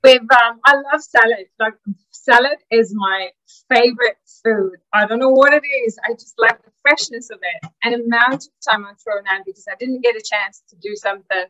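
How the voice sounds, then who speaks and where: A woman with a fairly high, bright, forceful voice hosts an online business call at a normal speed, with no room sound. Chatty and effusive, she jumps between thoughts in this informal hosting. Her video call mic yields dull, lo-fi audio.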